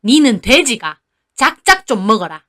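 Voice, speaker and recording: A woman's voice: on the high side, very animated, moderate pace. Woman playing a harsh old Gyeongsang grandmother. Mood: scolding. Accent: Gyeongsang dialect. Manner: scolding, loud and harsh. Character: sharp-tongued old grandmother favoring her grandson.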